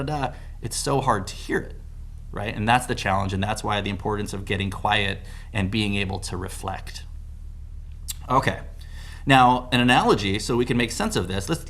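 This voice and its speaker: A man's voice: mid-range voice, fairly bright tone. A man giving an informal explanatory talk as a coach, stressing and stretching key words and often checking in with the listener. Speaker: host and coach teaching a mindfulness method.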